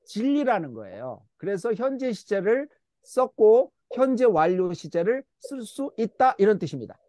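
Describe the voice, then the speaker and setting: A man's voice: sits high, sing-song, moderate pace, warm tone, no echo, clean studio sound. A middle-aged man teaching an English Bible class at church, patiently coaxing the class to repeat words after him. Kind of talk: church English lesson, call-and-response drills.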